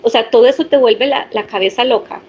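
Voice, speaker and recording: A woman's voice: fairly high pitch, brisk, a little mellow, a little hiss or hum. A woman, a hypnotherapist earnestly sharing her personal story with a small group.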